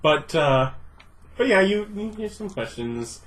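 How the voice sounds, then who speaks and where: A man improvising narration as game master, in a conversational, halting way. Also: high-pitched, sing-song. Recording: distant mic with faint room noise.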